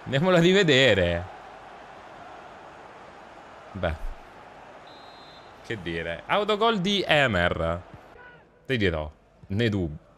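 Young man with a lively voice. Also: slow pace, pauses often, a little hiss or hum. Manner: jokey, swings between mumbled asides and pitched-up mock commentary. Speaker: gaming streamer. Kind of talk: mock football commentary over gameplay.

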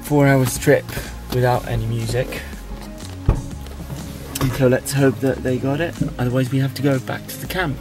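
A vlogger in his twenties talks straight to a handheld camera held at arm's length for a travel vlog, moving between a car and indoor rooms. He is relaxed and chatty, though sometimes tired, with a mid-range voice at normal speed over music.

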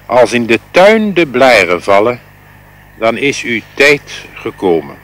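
A man's voice: medium pitch, very animated, slow pace, a bit bright. A man voicing a stern male doctor who speaks bluntly in a fairy tale. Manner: blunt, clipped.

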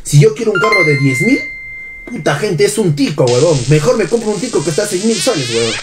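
A man's voice: sits high, big pitch swings, brisk, loud music behind the voice. A man with a Peruvian accent, chatting dramatically and swearing on a live game stream. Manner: dramatic, swearing, mock-pleading.

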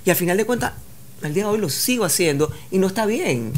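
A woman, a journalist guest, telling stories in a casual, animated way. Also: mid-range voice, quick pace. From Panama. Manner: animated, acts out others' lines in shifting voices. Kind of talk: casual storytelling.

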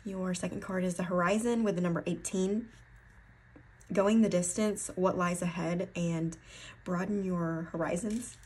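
A woman's voice: fairly low pitch, fairly even intonation, measured pace, a little mellow, a little hiss or hum. A woman with an Appalachian accent giving a casual tarot card reading, rambling and correcting herself as she thinks aloud. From Appalachian foothills, USA. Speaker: tarot reader.

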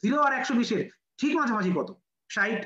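Brisk Bangladeshi lecturer who drills the class with quick questions, recorded in a roomy, echoey space. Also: mid-range voice, sharp tone, highs cut off. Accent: Bangladeshi Bengali. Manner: quizzes students with rhetorical questions, repeats key numbers. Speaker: medical admission physics lecturer.

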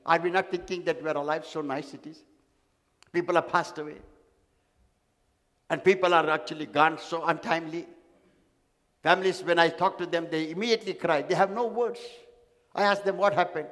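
A man delivers an emphatic sermon as pastor, his voice pitched notably high. He repeats phrases for weight and builds to stressed declarations. The sound rings with a long hall reverb. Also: fairly even intonation, a little fast, pauses often, a bit bright. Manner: emphatic, repetitive preaching.

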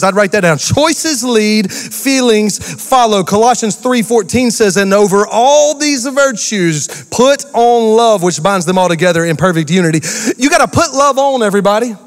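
A man preaching a sermon as pastor, animated and talking straight to the congregation with asides and call-outs. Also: high voice, long reverb tail. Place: church auditorium.

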